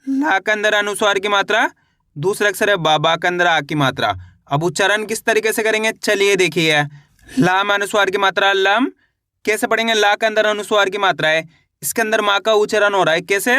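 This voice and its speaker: A man teaching reading in a video lesson, drilling each sound with repeated questions and slow model words. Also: high voice, bright, forceful tone, no room sound, studio quality. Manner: repetitive call-and-response drilling, drawn-out model words. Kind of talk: classroom-style video lesson.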